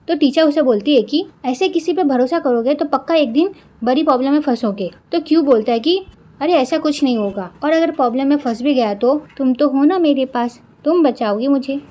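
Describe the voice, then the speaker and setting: A woman's voice: high voice, a little fast, warm tone, muffled recording. A woman narrating a drama recap in a casual storytelling way, retelling each character's lines with frequent fillers.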